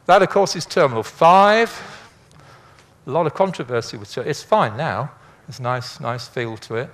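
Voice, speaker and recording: A man's voice: mid-range voice, expressive, moderate pace, fairly bright tone. An older man giving an informal illustrated lecture in a chatty, rambling, anecdotal way with dry humour. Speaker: speaker, former air traffic controller.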